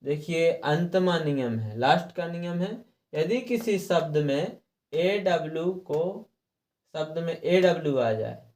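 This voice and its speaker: A male teacher gives a slow, step-by-step lesson in a slightly high voice. He talks unhurriedly, repeats each rule several times and sounds out letters one at a time. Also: darkish tone. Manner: clears throat now and then. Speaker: English reading teacher.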